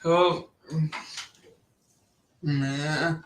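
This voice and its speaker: A man hosting a casual wrestling chat, relaxed and chatty, laughing often. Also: on the high side, extremely slow, slight background noise. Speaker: podcast host. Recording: roomy echo, distant mic.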